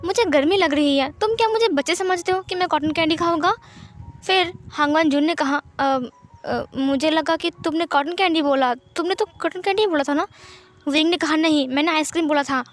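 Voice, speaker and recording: A woman narrating a romance fanfiction, reading every character's lines in her own gentle voice. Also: high-pitched. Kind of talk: storytelling narration with character dialogue.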